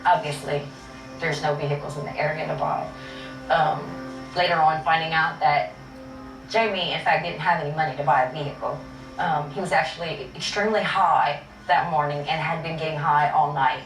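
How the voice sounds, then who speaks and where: A woman with a fairly low voice gives candid documentary interview testimony. She sounds slightly distant in an echoey space, with faint music behind her. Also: fairly even intonation, normal speed. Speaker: interviewee, victim's relative.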